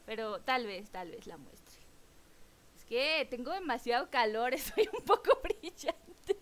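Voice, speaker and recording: A young Mexican woman chatting excitedly with her viewers while streaming a game, exclaiming and bubbly. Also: on the high side, a little slow. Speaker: gaming streamer. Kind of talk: live-stream chat while gaming.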